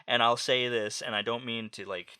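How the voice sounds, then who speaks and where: A man's voice: mid-range voice, fairly even intonation, normal speed, pushed and bright, clean tone. A man chatting casually with a friend while painting, playful and teasing, swearing freely. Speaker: co-host.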